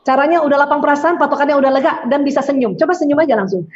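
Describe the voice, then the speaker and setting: A middle-aged woman, a doctor, giving religious self-help advice in an animated way, acting out prayers as she talks. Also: high-pitched, rapid-fire, slight background noise. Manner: animated, acts out prayers and quotes. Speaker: doctor and speaker answering questions. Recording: dull lo-fi sound.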